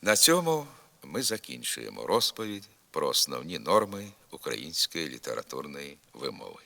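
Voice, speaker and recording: A man giving scripted educational narration as a pronunciation instructor, enunciating each example word slowly and carefully. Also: rumbling low, sing-song, vocal fry, bright, forceful tone.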